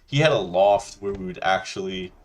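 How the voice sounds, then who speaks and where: This low-voiced man from Denmark, whose first language is Danish, hosts a gaming channel and rambles casually over gameplay at a moderate pace. He keeps it loose and chatty, often restarting and dropping lots of "you know."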